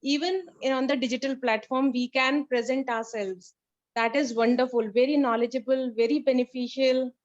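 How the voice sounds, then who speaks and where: A woman's voice: sits high, fairly even intonation, moderate pace. A woman with an Indian accent giving informal feedback as a participant in an online workshop. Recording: dull lo-fi web conference audio.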